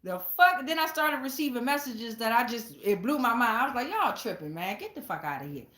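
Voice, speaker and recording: An American woman hosts her own tarot show, giving viewers a casual, rambling reading that's blunt, slangy and full of heavy cursing. Her voice is on the high side, sing-song and fairly bright, and she talks briskly. The room is echoey.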